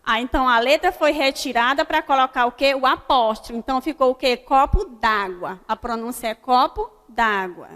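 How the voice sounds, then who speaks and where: A Brazilian woman teaching grammar to young pupils in a high, bright voice. She pronounces example words slowly and deliberately, checking in often with the class. Her voice trails in a long, echoing hall. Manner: slow, deliberate word-by-word dictation with frequent "né?" checks. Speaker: primary school teacher. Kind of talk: recorded online grammar lesson.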